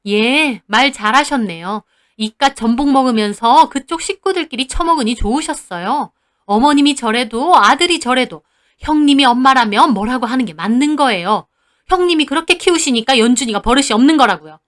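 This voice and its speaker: A middle-aged mother at the end of her patience, as a woman narrator acts her out, who argues sharply and confronts her in-laws. Her voice sits fairly high and swings widely from phrase to phrase. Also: animated, a little fast, a bit bright. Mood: angry.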